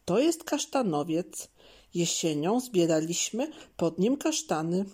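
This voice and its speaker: A woman voicing a patient, knowledgeable father in a children's storybook, explaining in a calm, measured way. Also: lowish voice, breathy edge, full character voice.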